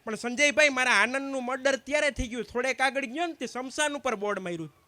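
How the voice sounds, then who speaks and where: A man telling stand-up jokes to a community gathering, swapping quickly between the sides of each dialogue. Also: very high voice, bright, forceful tone, no echo. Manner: quick anecdotal storytelling, acting out both sides of each exchange. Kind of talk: live stand-up joke telling.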